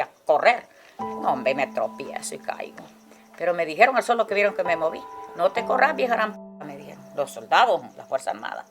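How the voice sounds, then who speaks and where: An older woman giving testimony in a halting way, often checking in with her listener. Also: low-pitched. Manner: halting, tagging lines with "¿verdad?". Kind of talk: spoken testimony in a documentary. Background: music.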